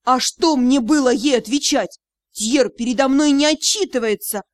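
Женщина читает лукавого призрака-духа смерти. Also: female voice, fairly high pitch, lively intonation, moderate pace, no room sound, clean studio sound, close to an everyday voice. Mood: sly. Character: sly ghostly female spirit of death, cunning.

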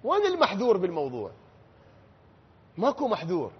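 A man with an Iraqi accent giving a religious lecture, going from quiet explanation to loud, emphatic questions. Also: high-pitched, wildly swooping pitch, a little fast, husky. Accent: Iraqi Arabic. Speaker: cleric. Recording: lo-fi with long hall reverb.

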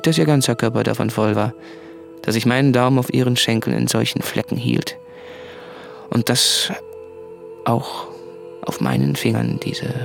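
In a mid-range, creaky voice, a male actor plays a tormented, brooding diarist in a radio play, confessing through a halting, introspective monologue.

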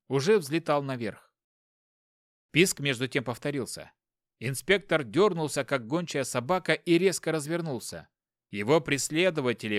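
A man's voice: a little high, no echo, clean studio sound. Dramatic male audiobook narrator. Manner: dramatic, lively reading.

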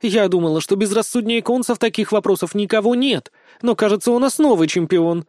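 A nimble, sharp-tongued young woman fighter, as a male audiobook reader puts her on, with a raised, fairly high voice. She speaks in a teasing, brisk way. The sound is close and dry. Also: dry recording, lightly acted. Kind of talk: audiobook character voice.

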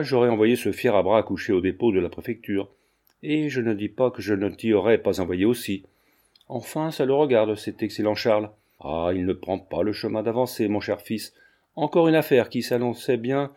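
A man voicing a blustery, domineering old male lawyer who scolds gruffly, read from a classic novel. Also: medium pitch, mellow, lightly acted. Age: older.

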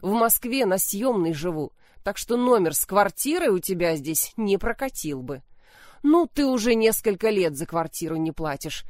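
A woman voicing a fragile, spoiled young woman who is shrill and shrieking, in a narrated story. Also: lively intonation, moderate pace, a little mellow, no echo, clean studio sound, natural voice. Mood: cold. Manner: shrill, shrieking and sobbing lines.

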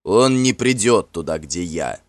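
A proud heroic chieftain, played by a man in a storybook, declaiming loudly with a lifted, lively voice. The voice is dry and close, with soft music behind it. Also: sits low, unhurried, no echo. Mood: vowing. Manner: forceful, declaiming. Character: bold mortal chieftain hero, proud.

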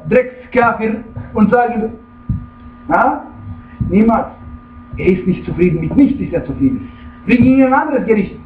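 A man giving a religious lecture as a preacher, speaking emphatically and checking in with his listeners with frequent questions. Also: very high-pitched. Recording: tinny, echoey room, far from the mic.

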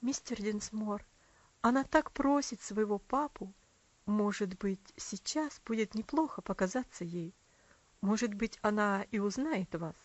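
Woman reading a soft careful doctor guy, bit lower, dry muffled audio. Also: a little slow, no room sound, close to an everyday voice. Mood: hushed. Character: calm family doctor, man.

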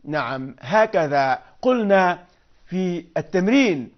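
A man teaching poetic meter, explaining patiently and chanting verses and meter syllables slowly. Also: high-pitched, sing-song, highs cut off. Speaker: Arabic prosody teacher.

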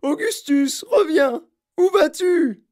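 A narrator voicing a hysterical mother who shrieks in a shrill, loud voice. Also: sing-song, takes it slowly, full character voice. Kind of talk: audiobook character voice.

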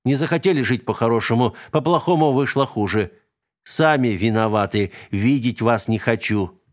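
A man's voice: mid-range voice, moderate pace, close to an everyday voice. A man voicing a spiteful, sulky male house spirit in an audiobook, talking in a snapping, grudging way. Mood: resentful.

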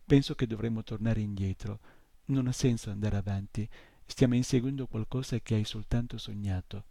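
A weary little horse who has given up, speaking softly and heavily with sorrow, as a man reads him aloud. The voice is low and dark, with a gravelly edge. It sounds close and dry, with no room around it. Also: normal speed, no echo. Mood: sorrowful. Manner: soft and heavy with sorrow. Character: small despairing male horse, weary and sad. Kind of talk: audiobook reading.

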